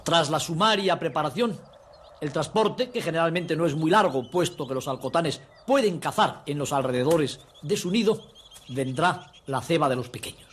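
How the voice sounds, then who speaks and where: A man's voice: a little high, animated, normal speed, fairly bright tone. A man narrates a nature documentary. His delivery is emphatic and didactic, as if teaching friends. The soundtrack is noisy, with birds and crickets behind him.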